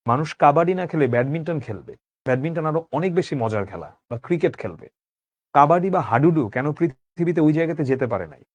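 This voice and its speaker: A man's voice: mid-range voice, a little mellow, no room sound. A man teaching an online class, explaining a text line by line and asking his students questions.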